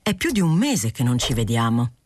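A woman's voice: a bass voice, big pitch swings, normal speed, darkish tone, slight background noise. A woman voicing an authoritarian, condescending male newspaper director with a brusque, lecturing manner, in a literary audiobook.

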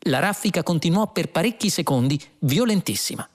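A man narrating a science-fiction audiobook with expressive storytelling. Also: fairly high pitch, brisk.

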